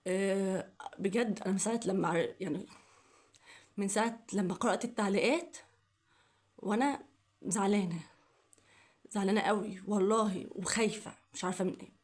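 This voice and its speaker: A woman's voice: medium pitch, a little fast, long pauses. A young woman with an Egyptian Arabic accent, speaking in an emotional personal vlog, upset and pleading, repeating her questions over and over. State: coughing fits, upset. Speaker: vlogger.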